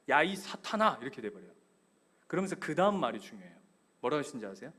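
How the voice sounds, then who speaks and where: A middle-aged man preaches a sermon in a high, lively voice that swings up and down. He acts out the voices of the people in his stories and jokes with the congregation as he goes. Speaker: pastor.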